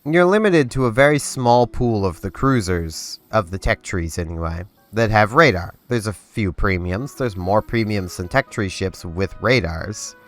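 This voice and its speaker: Though a little slow, his delivery is animated with few pauses; the congested young man's voice sits on the low side and is a bit bright. He hosts a gaming channel, rambling over gameplay with lots of fillers, restarts and self-interruptions, captured in a dry, close recording with faint game music.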